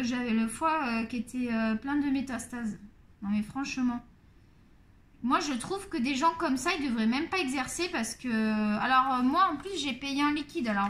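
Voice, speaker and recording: This middle-aged woman runs a coloring channel and chats casually and candidly while she colors, rambling with plenty of fillers. Her voice is high-pitched and a bit bright.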